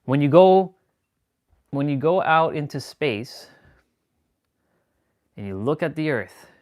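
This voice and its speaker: A man's voice: a little high, lively intonation, slow, a little mellow. Self-assured man rambling on a livestream. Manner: rambling, self-assured, restarts mid-sentence. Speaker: live stream host. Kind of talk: casual spiritual monologue.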